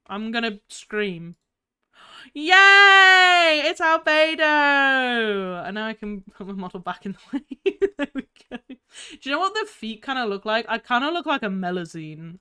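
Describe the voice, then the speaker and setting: Bubbly woman streamer with a bright voice. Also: fairly high pitch, clear, resonant tone. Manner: bubbly, giggly and excitable, chatting to viewers. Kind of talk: live gaming stream chat.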